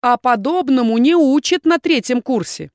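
A woman reading a calm, authoritative male rector who speaks in a measured, dryly dismissive way. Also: high-pitched, no room sound, studio quality, pitched above the performer's own voice.

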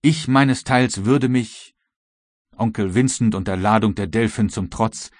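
A male audiobook reader voicing a worried but resolute ship captain, with a husky voice. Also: fairly low pitch, measured pace, no room sound, clean studio sound. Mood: earnest. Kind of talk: audiobook reading.

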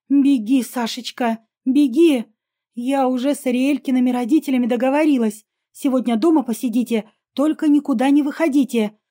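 A woman voicing an anxious, fond middle-aged mother who speaks in a soft, coaxing, fretful way in a storybook reading. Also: high-pitched, lightly acted. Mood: urgent.

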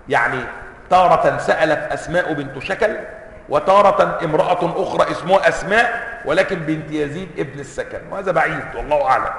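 Egyptian sheikh lecturing in an echoey hall. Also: male voice, fairly high pitch, creaky, fairly bright tone. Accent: Egyptian Arabic. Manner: asks students rhetorical checking questions; reads quotations in a raised, emphatic voice. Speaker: sheikh teaching hadith commentary. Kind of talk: classroom lecture reading and explaining a text. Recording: roomy hall reverb.

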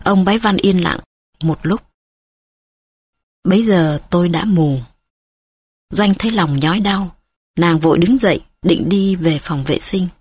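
A woman narrates a novel with dramatic, emotive delivery. Her low voice has a husky, breathy texture. The recording is dry and close, with no room sound. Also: moderate pace, a little mellow, dry recording. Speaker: audiobook narrator.

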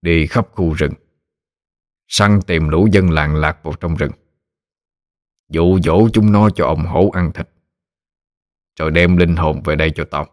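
A man voicing a scheming, cruel male sorcerer who gives orders in a low, menacing mutter. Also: measured pace, pauses often.

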